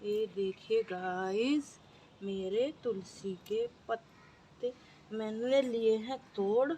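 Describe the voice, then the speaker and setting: A woman's voice: on the high side, drawn-out words, mellow, a little hiss or hum. Chatty woman vlogging on a rooftop. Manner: chatty, repeats herself, keeps saying "guys". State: sore throat. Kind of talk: casual daily-life vlog. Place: rooftop, outdoors.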